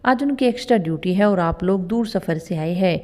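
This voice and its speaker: A woman doing a sharp-tongued young wife. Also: lowish voice, lively intonation, a little fast, lightly acted. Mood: polite. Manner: curt and snapping. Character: rude young daughter-in-law, sharp-tongued.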